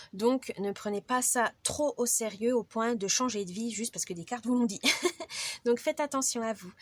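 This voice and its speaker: A woman's voice: fairly high pitch, dry recording. Chatty woman reading tarot, dry sound. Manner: chatty, frequent hesitations, friendly cautionary tone. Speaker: tarot card reader. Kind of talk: casual weekly tarot reading video.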